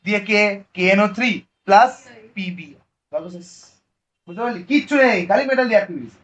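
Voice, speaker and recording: Male chemistry teacher, high voice, lively classroom explainer, dull lo-fi sound. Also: a little fast. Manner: lively, coaxing, keeps checking students understand. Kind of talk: classroom lecture.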